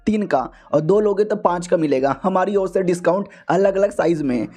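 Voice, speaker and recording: A man voicing a cheerful, clever young girl who sells her wares, with a lively, pleading manner. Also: high voice, brisk, breathy edge. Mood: chatty.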